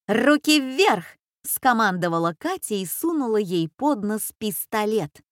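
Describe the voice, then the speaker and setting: A woman reading a children's story aloud in an expressive, dramatic way. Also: medium pitch, moderate pace, dry recording, clean studio sound.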